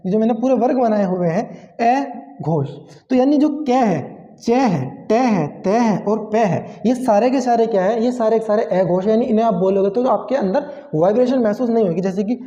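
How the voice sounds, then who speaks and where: A man's voice: high voice, normal speed, dark tone. Man, teacher, classroom lesson, asks and answers himself, dull muffled sound. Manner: explains step by step, asks and answers own questions. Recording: dull sound with long hall reverb.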